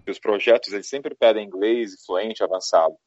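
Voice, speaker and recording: A man hosting a casual chat, talking in an animated way and handing out advice. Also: on the low side, normal speed, background noise. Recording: dull lo-fi audio.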